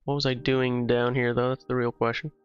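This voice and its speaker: A man's voice: medium pitch, little pitch movement, fairly quick, smooth, dry recording. A man livestreaming a game, chatting casually with viewers in a loose, profane way. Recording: slightly dull stream audio with music.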